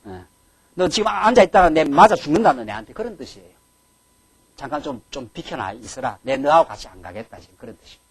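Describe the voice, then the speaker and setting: A man, preaching a Bible lecture sermon. He acts out scolding lines and swings between loud outbursts and hushed, earnest words. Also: high-pitched, no room sound. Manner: lively, acts out God's and a father's scolding lines. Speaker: pastor.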